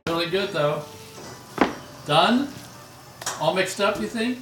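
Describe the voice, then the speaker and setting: A woman's voice: fairly low pitch, lively intonation, slow, recorded from a distance, over loud music. A woman hosting a home cooking vlog, chatting and laughing as she coaches a child through a recipe in the kitchen. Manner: encouraging, laughs easily. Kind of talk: casual chat while cooking with a child. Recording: echoey kitchen with clattering dishes. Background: cutlery and pots clattering.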